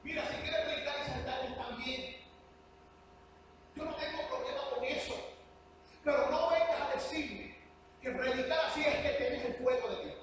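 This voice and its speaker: A man preaching a sermon in church, earnest and emphatic, moving between soft passages and loud ones. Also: extremely high pitch, steady tone, moderate pace, pauses often. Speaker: pastor. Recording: echoey church hall, distant mic, hum.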